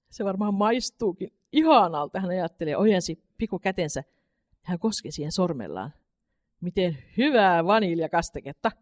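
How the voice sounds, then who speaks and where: A woman's voice: on the low side, mellow. A woman reading a children's story aloud, unpolished, stumbling now and then and correcting herself. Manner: unpolished reading with slips and restarts.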